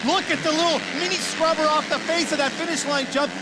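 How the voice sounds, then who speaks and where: A man calling a motocross race play-by-play in excited live commentary. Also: extremely high pitch, fast talker. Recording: loud engine noise behind voice. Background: motorcycle engines.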